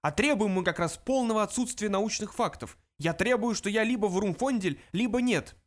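Shrill young philosopher, forever yelling demands, voiced by a male audiobook narrator. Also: expressive, moderate pace. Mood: indignant. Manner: shouting, indignant demands.

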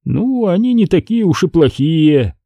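Guy reading an audiobook doing creepy dead brother, sweet coaxing talk, higher voice, kinda husky. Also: big pitch swings, a little slow, dark tone, dry recording, muffled recording, heavily acted. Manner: coaxing, lazily smiling. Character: eerie friendly dead brother, grown man, coaxing.

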